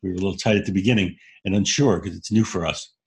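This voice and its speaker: A man's voice: low-pitched, fast, gravelly, breathy edge. A man co-hosting a podcast in casual conversation, speaking candidly and earnestly as he explains his ideas. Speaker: podcast co-host.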